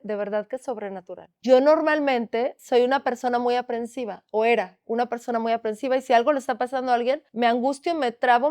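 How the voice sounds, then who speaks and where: A woman hosting a faith podcast, telling a personal testimony in an earnest, animated way with vivid quoted dialogue. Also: fairly high pitch. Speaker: podcast host sharing a testimony.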